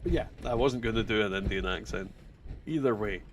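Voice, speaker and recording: A man's voice: fairly low pitch, a little fast, a little hiss or hum. A man streaming a video game, chatting casually with swearing, joking banter. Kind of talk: casual gaming stream chat.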